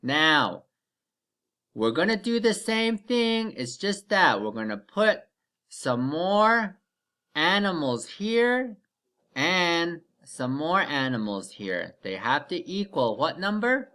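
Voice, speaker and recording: Children's teacher, kids show host manner, very slow deliberate pace, lively swooping pitch, step-by-step counting, simple prompts. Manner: slow, step-by-step, repeatedly checking with "okay?". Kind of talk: children's math lesson with counting aloud and call-and-response questions.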